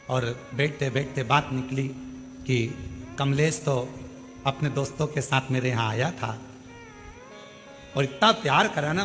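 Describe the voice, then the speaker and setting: A katha preacher with a Madhya Pradesh Hindi accent and a mid-range, slightly bright voice delivers a live devotional sermon in a large outdoor pandal. He presses his points emphatically with repeated rhetorical questions to the audience, and the recording carries long hall reverb with faint music.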